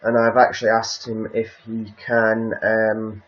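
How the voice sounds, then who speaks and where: A man's voice: on the low side, monotone, unhurried, muffled recording, soft background music. A man chatting casually on a livestream, hesitant and rambling, with many ums and restarts.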